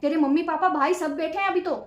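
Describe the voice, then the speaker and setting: Woman doing a bossy mother-in-law, scolds a lot, high voice, echoey room. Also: steady tone, fast talker. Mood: outraged. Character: stern traditional middle-aged mother-in-law. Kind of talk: comedy skit acting.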